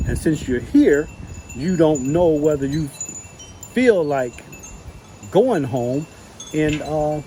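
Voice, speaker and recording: A man talking casually to camera from his yard, relaxed and folksy, with lots of "you know" fillers. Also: fairly high pitch, a little hiss or hum. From United States. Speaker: vlogger.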